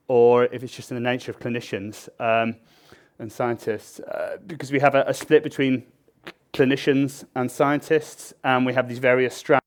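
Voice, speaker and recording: A man giving a conference talk, hesitant and searching for words. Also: mid-range voice.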